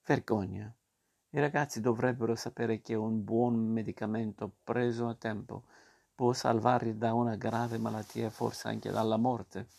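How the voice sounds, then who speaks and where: A man's voice: on the low side, a little slow, gravelly. A man voicing a patient, motherly fairy. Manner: calm, gently scolding. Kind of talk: storybook reading.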